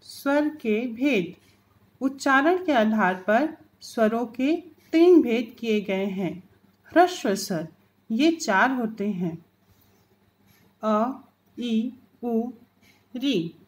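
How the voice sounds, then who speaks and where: Slow, careful Hindi teacher woman. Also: a little high, expressive. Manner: slow, careful teacher's delivery, drawing out example sounds. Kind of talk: recorded grammar lesson for children.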